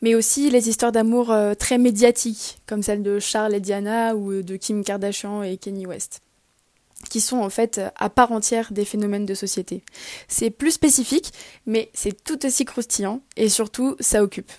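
A woman reading her regular radio column in a chatty, upbeat way, pausing on fillers now and then. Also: medium pitch, fairly even intonation, mellow, no echo. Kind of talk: scripted podcast recommendation.

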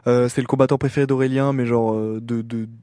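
A man co-hosting a casual sports show, teasing his co-host with quick interjections. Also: medium pitch, flat delivery, dark tone, clean tone, no room sound, studio quality.

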